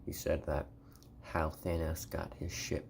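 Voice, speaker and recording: A man giving a soft-spoken, partly whispered ASMR review in a hushed voice, rambling and haltingly rephrasing himself. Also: very deep voice, completely flat delivery, vocal fry, slight background noise. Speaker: video reviewer.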